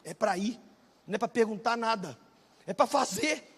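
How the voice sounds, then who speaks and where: A Brazilian pastor in his forties preaching a sermon, swinging from shouted bursts to low, confiding talk. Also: animated, moderate pace, a little hiss or hum. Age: 40s. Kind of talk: energetic sermon. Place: large church hall, live audience. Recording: reverberant church hall.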